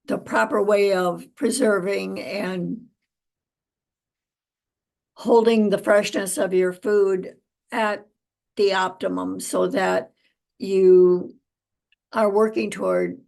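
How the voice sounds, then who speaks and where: A woman chatting casually to viewers in an unhurried way, often pausing mid-sentence as she shares updates and advice. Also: mid-range voice, steady tone, gravelly, darkish tone. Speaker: vlogger giving personal update and kitchen health tips. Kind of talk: casual chat to camera.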